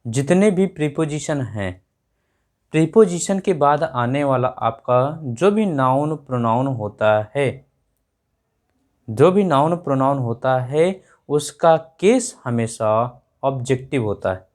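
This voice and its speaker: A man's voice: mid-range voice, animated, slow pace, a little mellow. A male explaining grammar in a classroom lesson, repeating each point back as a question to his students. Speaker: English teacher.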